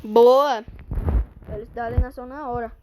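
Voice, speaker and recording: A woman with a Brazilian Portuguese accent giving excitable gameplay commentary, often breaking into panicked exclamations. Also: a little high, moderate pace, a little hiss or hum. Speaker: gamer streamer.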